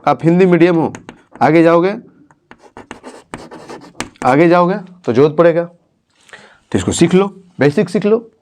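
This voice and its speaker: A man's voice: fairly high pitch, lively intonation, a little slow, pauses often, a little mellow, slight background noise. A man teaching and counseling a student, talking encouragingly and checking her understanding with questions. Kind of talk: motivational talk to a student.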